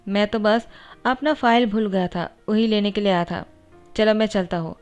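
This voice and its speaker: A woman's voice: medium pitch, steady tone, normal speed, a little mellow, clean tone, faint music behind, natural voice. A woman voicing a weary, curt young male doctor in a storybook-style reading.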